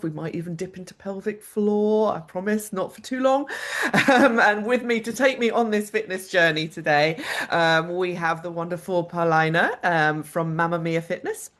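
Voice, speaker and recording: Woman host, chatty, laughs easily, lowish pitch. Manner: chatty, warm laughs between lines. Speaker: podcast host. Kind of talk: casual chat.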